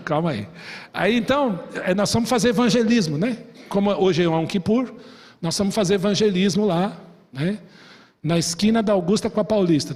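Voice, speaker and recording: A man's voice: sits high, darkish tone, breathy edge. A Brazilian man in his fifties, a pastor, preaching conversationally and telling stories with quoted dialogue. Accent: Brazilian Portuguese. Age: 50s. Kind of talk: sermon with storytelling. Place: church hall. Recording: reverberant church hall.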